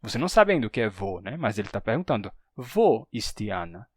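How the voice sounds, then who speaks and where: A man's voice: on the low side, sing-song, fairly quick, slightly rough, no room sound. Brazilian guy walking through a language lesson, voice goes up and down a lot, dry close sound. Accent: Brazilian Portuguese. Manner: explains step by step, often checks in with "né?". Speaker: language teacher.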